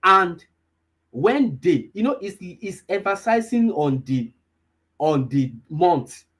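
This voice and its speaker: A young man in his twenties teaches a live online data analysis class in a high, sing-song voice. He speaks slowly, with a fairly bright, breathy tone, repeating himself and often checking that listeners are keeping up.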